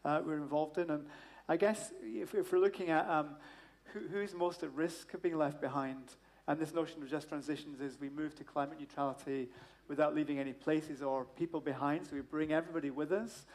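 A man's voice: fairly high pitch, steady tone, a little fast, hardly any pauses, a little mellow. A middle-aged man moderating a panel discussion on a stage, asking long framing questions into a handheld mic. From Scotland. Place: stage in a large hall.

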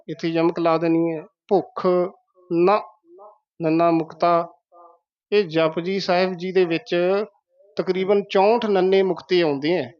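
A man giving a slow, patient pronunciation lesson, breaking words into syllables. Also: on the high side, smooth, no echo, highs cut off. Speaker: teacher of scripture pronunciation.

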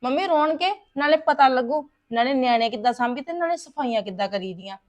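A woman's voice: high-pitched, expressive, dull audio. An actress playing a married daughter venting to her mother about her in-laws in a domestic drama. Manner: aggrieved, rapid complaining. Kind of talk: domestic web drama acting.

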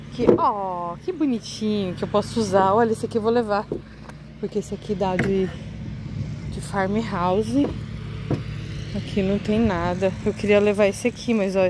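A woman's voice: mid-range voice, moderate pace. Woman, casual vlog walkthrough, outdoors on a street, faint traffic behind. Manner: chatty, eagerly addresses viewers. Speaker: vlogger.

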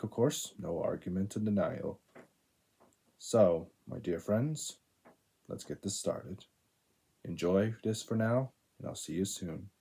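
Young guy, husky, halting webcam chat from his bedroom. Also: low-pitched, warm tone. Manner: halting, stumbles over words. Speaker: vlogger. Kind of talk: casual chat to camera. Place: small bedroom indoors. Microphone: laptop webcam at desk.

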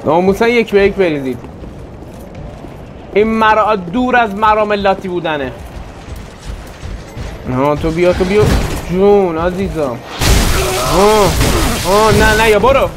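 A man playing a video game and commenting, excitable and taunting the enemies, with sudden loud swings into yelling. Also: high voice, long pauses, over music. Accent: Persian. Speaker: gaming YouTuber. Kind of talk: let's play commentary.

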